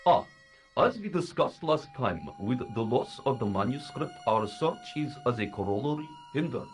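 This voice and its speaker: An actor playing a pedantic, defensive professor in a video game, with wordy explanations. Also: male voice, mid-range voice, expressive, normal speed, soft background music, lightly acted. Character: pedantic professor in a secret order.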